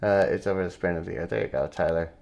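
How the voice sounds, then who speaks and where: A man's voice: low voice, fast, vocal fry, a little mellow. A man hosting a live day trading stream with casual, rambling commentary, muttering to himself and swearing bluntly. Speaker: day trading livestream host.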